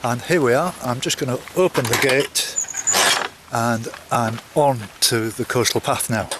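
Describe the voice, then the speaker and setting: A man's voice: medium pitch, unhurried, very noisy. Male walking vlogger, chatty and effusive, outdoors, mid-range voice. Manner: chatty, warm-hearted, effusive. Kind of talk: casual chat and narration. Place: outdoors on a coastal path.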